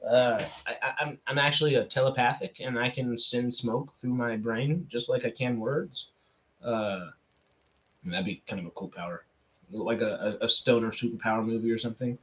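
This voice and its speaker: A man from Texas hosting a casual livestream, rambling to viewers in halting, repetitive phrases and easily amused. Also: medium pitch, fairly bright tone. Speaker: livestream host. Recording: dull, lo-fi microphone sound.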